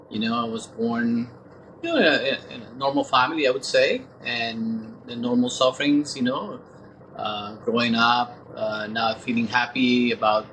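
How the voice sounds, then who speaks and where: A man in his sixties speaking as an interview guest, thoughtful and halting, pausing often as he gathers his words. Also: medium pitch, fairly bright tone, slight background noise, poor audio. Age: 60s. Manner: thoughtful, halting, many pauses. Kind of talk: reflective interview talk.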